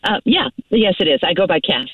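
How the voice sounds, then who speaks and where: A woman talking on the phone, chatty and quick to laugh, turning flustered and apologetic. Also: fairly low pitch, big pitch swings, husky, dry recording. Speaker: caller on a radio prank. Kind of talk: phone conversation. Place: at work. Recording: tinny phone line.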